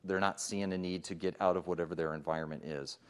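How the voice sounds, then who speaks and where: A man's voice: low-pitched, fairly even intonation, quick pace, clean tone. A middle-aged man, a police chief, giving a conversational presentation at a public forum, with frequent fillers and restarts.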